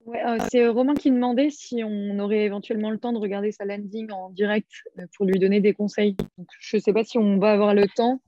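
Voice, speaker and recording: Woman moderator, mellow voice, dry dull lo-fi call audio, kinda hesitant. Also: mid-range voice, fairly even intonation, a little fast, no echo. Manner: hesitant, relaying a question. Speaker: webinar moderator relaying questions. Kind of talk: casual chat.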